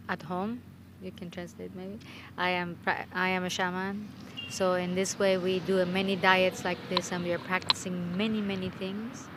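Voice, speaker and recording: Lady, real slow, searching for words, noisy outdoor recording. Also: lowish voice. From Brazil. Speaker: shaman. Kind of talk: halting interview answers in English. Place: outdoors at a fire-ritual site.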